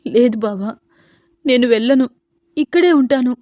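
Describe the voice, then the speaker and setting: Narrator as stubborn young heroine, pleading, defiant, dry mic. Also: female voice, a little high, normal speed, warm tone, dry recording, lightly acted. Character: stubborn devoted young woman, cousin.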